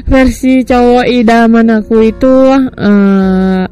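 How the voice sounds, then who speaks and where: A woman's voice: on the high side, slow pace, warm tone, faint music behind, low-quality recording. A young woman hosting a podcast, chatting casually and laughing often. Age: young adult. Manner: giggly, chatty, frequent laughter. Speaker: podcast host. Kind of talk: casual chat.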